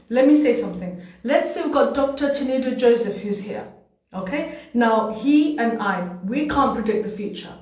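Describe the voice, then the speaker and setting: A woman's voice: fairly high pitch, darkish tone. A British-born woman working as a study-abroad agent, speaking earnestly and emotionally to students on a livestream, often repeating phrases for emphasis. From United Kingdom. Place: home room. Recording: echoey room, voice far from mic.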